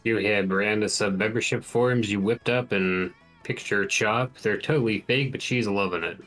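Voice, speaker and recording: A man's voice: on the low side, normal speed, fairly bright tone, faint music behind, rough recording. A man casually reading out visual novel narration with offhand asides. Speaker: narrator reading game text.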